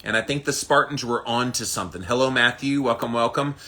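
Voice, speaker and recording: A mid-range male voice, fairly quick and bright with a forceful edge, belongs to the host of a daily ice bath challenge livestream. He chats casually, greeting viewers by name with punchy emphasis.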